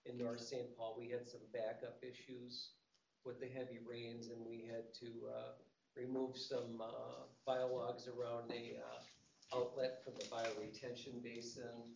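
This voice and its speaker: A man giving an inspection report at a public meeting, halting, with many filler pauses. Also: mid-range voice, completely flat delivery, creaky, darkish tone, a little hiss or hum. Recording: muffled, roomy, distant from the mic.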